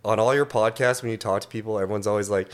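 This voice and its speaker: Man, early thirties, brash, swears a lot, animated, casual podcast chat. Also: on the low side, rapid-fire. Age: 30s. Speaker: podcast guest.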